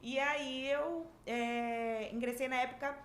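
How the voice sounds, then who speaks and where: Guest: lively Amazonian woman in her fifties, talkative and warm-paced, recorded in an echoey room. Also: high voice, slow. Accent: Amazonas Brazilian Portuguese. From Manaus, Brazil. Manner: lively, chatty storytelling with frequent fillers. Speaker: podcast guest, dentistry professor. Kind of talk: casual interview chat. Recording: echoey room, faint background hiss.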